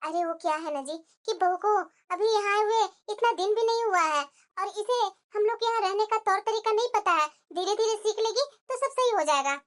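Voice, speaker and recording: A woman doing a meek, gentle old mother-in-law. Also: very high voice, fairly quick, pitched below the performer's own voice. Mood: placating. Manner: soothing, placating. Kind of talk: cartoon voice acting.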